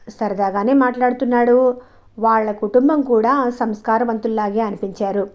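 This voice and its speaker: A woman narrates a first-person audio story in an expressive, conversational reading. Her voice is a little high-pitched. The recording sounds slightly dull and lo-fi.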